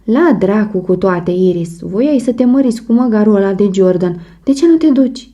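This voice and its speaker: A woman's voice: mid-range voice, animated, mellow, lightly acted. A woman doing an impulsive, lovestruck young husband. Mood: ardent. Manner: ardent, pleading. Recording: muffled audiobook recording.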